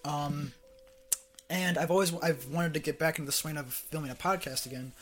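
A man's voice: a little high, steady tone, normal speed, fairly bright tone, faint music behind. A young man hosting a casual podcast chat, rambling with fillers and laughing often. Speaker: podcast host.

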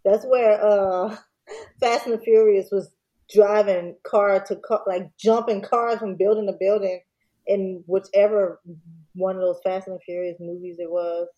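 A woman casually retelling a scam story on a podcast, slangy and digressive, pausing to laugh. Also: mid-range voice, fairly even intonation, dark tone, poor audio. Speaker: podcast host.

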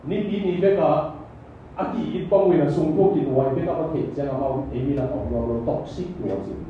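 A man's voice: on the high side, lively intonation, quick pace, a little hiss or hum. A man preaching a sermon in a church hall, drawing responses from the congregation. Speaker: pastor. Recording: echoey hall, distant mic, dull sound.

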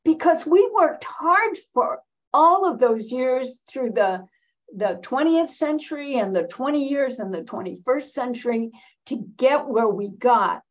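Older American woman, 70s+, interview guest. Unhurried, emphatic, slightly high voice, muffled lo-fi sound. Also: lively intonation. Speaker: interview guest, veteran feminist activist. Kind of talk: reflective interview conversation.

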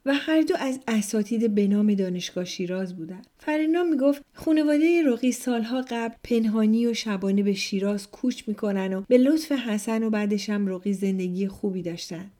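A woman from Iran, calmly narrating her own memoir in the first person. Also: medium pitch, few pauses.

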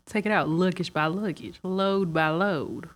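A woman co-hosting a podcast, who throws in quick joking comebacks. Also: fairly low pitch. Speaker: podcast co-host. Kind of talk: casual chat.

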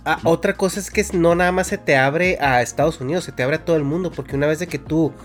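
Explaining Mexican man, slightly higher voice. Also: fast talker, soft background music. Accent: Mexican Spanish. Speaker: podcast co-host. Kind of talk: casual podcast chat.

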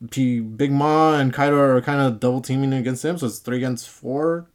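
A man hosting a casual, excited manga chapter review in slangy fan talk, often acting out the characters' lines. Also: medium pitch, normal speed.

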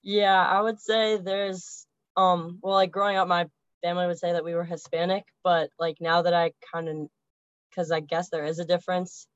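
A woman's voice: on the low side, little pitch movement, normal speed, clean tone, no echo. Tentative young college woman, muffled sound. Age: young adult. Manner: tentative, hedging. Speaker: student athlete. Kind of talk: casual discussion. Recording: dull dry lo-fi sound.

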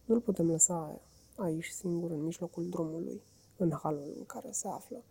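A woman voicing an anxious, gentle male mole who speaks in a worried, pleading way, in a storybook reading. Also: lowish voice, gravelly, slight background noise.

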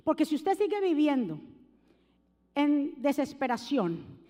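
Brief: high-pitched woman preacher, shouting then hushed, echoing church hall. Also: big pitch swings, slow. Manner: swings from loud shouting to low murmurs, acts out quotes. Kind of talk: impassioned sermon.

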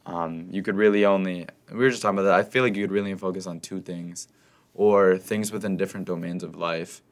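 A man's voice: deep voice, fairly even intonation, fairly quick. A young adult man co-hosting a casual podcast in a garage, talking in an informal, bro-ish way. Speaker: podcast co-host.

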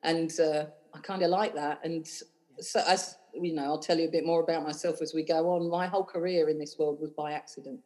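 Her voice is low-pitched, steady in tone and a little mellow, moving fairly quickly. She's a cabaret host and singer from London, in her thirties, gushing and rambling through a casual interview with many fillers.

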